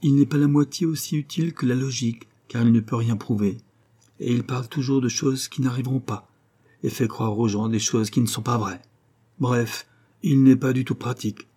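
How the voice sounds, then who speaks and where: A man's voice: mid-range voice, fairly even intonation, moderate pace, mellow, husky, close to an everyday voice. A man reading the lines of an earnest young male student in a storybook. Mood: bitter.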